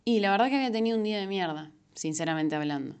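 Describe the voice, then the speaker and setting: A young woman with a Rioplatense Spanish accent talks casually to camera as a self-help vlogger, offering advice about everyday habits with plenty of fillers and self-corrections. Her mid-range voice is clear, resonant and a little mellow, with lively intonation and a racing pace.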